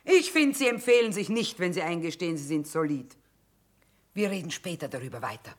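A woman's voice: fairly low pitch, expressive, a little fast. An actress playing a middle-aged, shrewd, blunt mother who trades in wartime, in earthy speech for a radio drama. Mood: wry, troubled. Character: hard-bitten, shrewd, sharp-tongued mother trading in wartime. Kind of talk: German stage-style radio drama acting.

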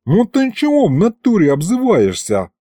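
A cocky pig-snouted imp with street slang drawls his lines, as a man puts him on. His voice sits high and bounces around, recorded close and dry. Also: wildly swooping pitch, normal speed, warm tone, no echo, exaggerated voice. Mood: swaggering.

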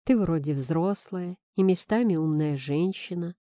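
A woman's voice: lowish voice, unhurried, warm tone, dry recording, studio quality, close to an everyday voice. A woman reading an audiobook, voicing a blunt, teasing young female friend who talks sardonically and earnestly. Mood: mocking. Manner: sardonic, pointed, then earnest.

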